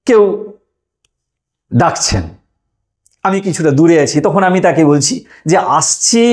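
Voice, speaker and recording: A man teaching a lesson online, explaining step by step, drawing out sounds and asking listeners questions. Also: sits high.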